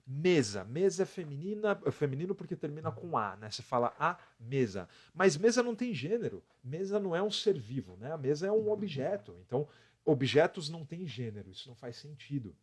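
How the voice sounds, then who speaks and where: A man's voice: a little high, darkish tone, slightly rough. A Brazilian man teaching English on a live stream, explaining step by step, counting out letters and often adding a tag question. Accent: Brazilian Portuguese.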